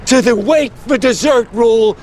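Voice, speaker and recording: A defiant man in a sitcom scene, flatly refusing to follow a party etiquette rule. His voice is very high for a man, and a faint noise sits behind it. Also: normal speed.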